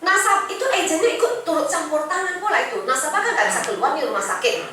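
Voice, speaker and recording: A middle-aged woman with an Indonesian accent, an insurance agency director, gives a chatty motivational sharing session to an audience in a meeting room, often asking them questions. Her high voice is fast, pushed and bright with lively intonation. The echoey recording catches her from a distance, with slight background noise.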